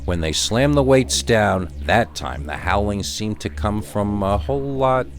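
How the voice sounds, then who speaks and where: Speaking on the low side at a measured pace, a man delivers a first-person scripted horror tale with emphatic, expressive narration that lingers on key words.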